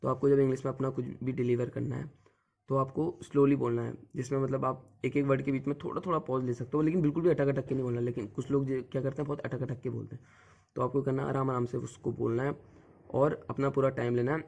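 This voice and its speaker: Speaking quickly in a level, slightly creaky and somewhat mellow mid-range voice, a young man gives viewers advice on group discussions. It's a casual spoken lesson from an exam coach who is direct and repeats one filler word often.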